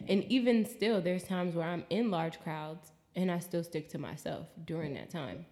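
A woman's voice: fairly low pitch, moderate pace. Chatty American woman, roomy reverb. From United States. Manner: chatty, expressive, swearing, acts out her own quotes. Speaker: vlogger. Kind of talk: casual travel vlog chat.

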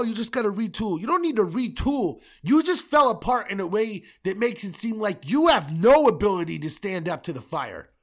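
A fuming man on a solo sports podcast, swearing freely and repeating himself. His voice sits high and lurches up and down in pitch. One moment he is shouting, the next he is muttering. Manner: angry, profane, repetitive ranting; swings from loud outbursts to muttering. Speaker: podcast host.

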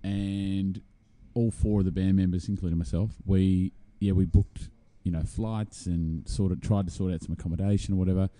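Deep, mellow Tasmanian Australian man chatting. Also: fairly even intonation, moderate pace, few pauses. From Hobart, Tasmania, Australia. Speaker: interview guest, singer-songwriter. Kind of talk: casual chat.

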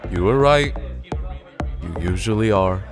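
A man playing a bashful, halting dance partner at a party in an audio drama, heard over music. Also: lowish voice, animated. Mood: shy, fond. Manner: halting, tongue-tied.

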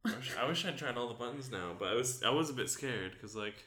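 A man's voice: mid-range voice, animated, fast, pushed and bright. A man co-hosting a podcast in casual chat, hesitant, with many fillers, recorded in an echoey room. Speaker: podcast co-host.

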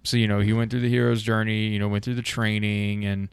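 A man's voice: lowish voice, level tone, fast, smooth, no room sound, clean studio sound. A man hosting a casual film chat, rambling with lots of fillers and swearing when he gets worked up.

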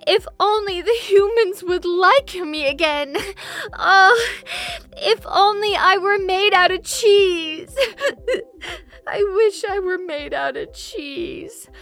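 A woman doing a tearful, very high moon voice. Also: measured pace, hardly any pauses, a bit bright, faint music behind. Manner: whimpering, tearful. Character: lonely sad female moon, wistful and pleading. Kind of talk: storytelling with character voices.

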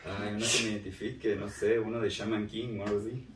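Man, Guatemalan accent, guest, hesitant and laughing, lowish voice, echoey room. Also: steady tone, quick pace, far from the mic, background noise. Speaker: cosplayer guest. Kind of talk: casual interview answers.

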